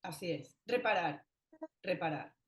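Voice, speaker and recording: A woman talking calmly in a podcast conversation, explaining parenting ideas and acting out what parents say. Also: lowish voice, a little slow. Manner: calm, explanatory, acts out parent voices. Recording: roomy echo.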